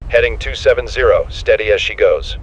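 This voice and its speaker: Clipped naval call-outs over a walkie-talkie. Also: male voice, on the low side, animated, brisk, slight background noise, poor audio.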